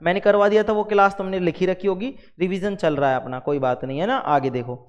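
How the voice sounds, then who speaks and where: A man's voice: high-pitched, fast, clean tone, in a large hall, highs cut off. A man teaching a revision lesson at the board, repeating terms and quizzing the class with questions.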